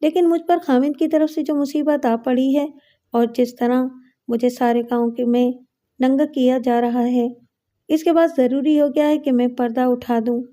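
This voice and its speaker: A woman's voice: fairly high pitch, mellow, lightly acted. A woman voicing a proud young village wife in a storybook, giving an earnest, pleading account.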